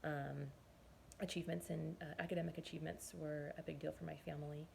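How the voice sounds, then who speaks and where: A woman in her forties from Southern California, a nutrition and fitness coach giving a chatty, earnest personal testimonial and often pausing to recall details. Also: low-pitched, little pitch movement, gravelly, dark tone, a little hiss or hum. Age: 40s.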